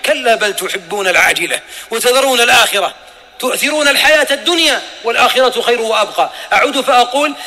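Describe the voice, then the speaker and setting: Man preaching in a high, bright voice. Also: fast. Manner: emphatic, rhetorical questions, acted-out dialogue. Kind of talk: sermon. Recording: long hall reverb.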